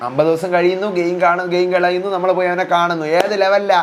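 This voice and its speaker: Young guy racing through a show recap, slightly high voice, faint room hum behind. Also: flat delivery. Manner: rapid chatty retelling, voicing housemates' quotes. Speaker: reality show reviewer, channel host. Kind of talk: casual spoken episode recap.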